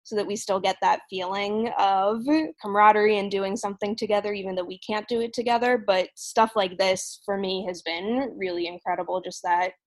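Woman drummer talking on a video call, soft and earnest, dry sound. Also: mid-range voice, flat delivery, fairly quick, dry recording, low-quality recording. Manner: soft-spoken, earnest, gets emotional. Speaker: session drummer at a virtual meetup. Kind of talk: casual sharing at an online group call. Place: apartment.

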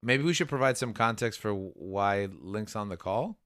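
A man's voice: lowish voice, normal speed, fairly bright tone, no room sound. A man chatting casually as a podcast co-host in a studio. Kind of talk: casual banter.

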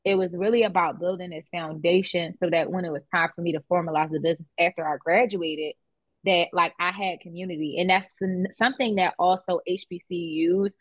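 A young woman speaks as an interview guest, her voice fairly low for a woman and a little dull, as if recorded on modest gear. The room is dry and close, with no echo. She talks loosely and keeps checking in with "right?". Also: steady tone, a little fast. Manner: conversational, many "like" and "right?" tags. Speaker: guest, beauty business founder. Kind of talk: casual interview chat.

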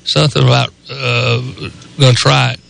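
A man's voice: mid-range voice, little pitch movement, normal speed, gravelly, a bit bright. A man with a Southern US accent and a rural drawl, rambling casually as co-host of a sports radio show. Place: radio studio.

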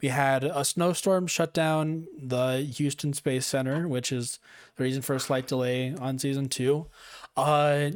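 A young man hosting a casual podcast, talking at an everyday pitch. He rambles, makes fun of himself and laughs easily. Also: steady tone, a little slow. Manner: rambling, self-mocking, laughs often. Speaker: podcast host.

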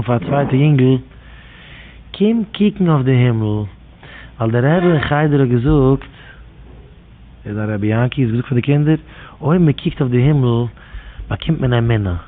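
A man tells loose, wandering religious stories, circling back to the same phrases again and again in a near chant. His voice sits at an ordinary middle pitch. The sound is thin and phone-like, with a faint hiss underneath. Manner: rambling, repetitive, chant-like phrasing. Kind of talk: informal religious storytelling. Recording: tinny phone-like audio with faint noise.

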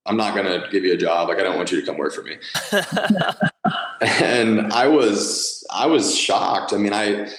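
A man's voice: fairly low pitch, reverberant, rough recording. A man in his late twenties, a business founder being interviewed for a podcast, who talks with enthusiasm, with many fillers and restarts. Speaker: guest, nutrition company founder.

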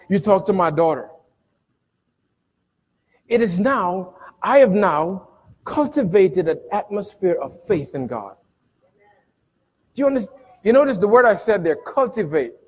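A middle-aged male pastor preaches in a high, husky voice that swoops all over the place, rising into sudden loud bursts and dropping into dramatic pauses. His words ring out with a long reverb through a church hall. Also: highs cut off. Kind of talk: sermon. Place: church sanctuary.

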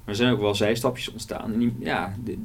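Man, middle-aged author, hesitant interview talk, fillers, somewhat low pitch. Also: steady tone, brisk, slightly rough. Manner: hesitant, many fillers and restarts. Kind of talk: casual interview, reading aloud from his novel.

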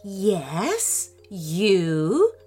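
A woman voicing a kind, slow-talking male super sloth hero in a children's story. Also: medium pitch, wildly swooping pitch, mellow, slightly rough, soft background music, exaggerated voice. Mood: gentle. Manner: slow, drawn-out, soothing.

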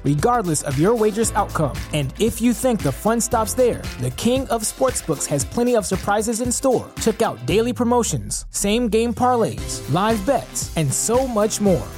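A woman announcer delivers a scripted commercial. Her voice sits at a middle pitch, with faint music playing behind it. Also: warm tone. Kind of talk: scripted advertising read.

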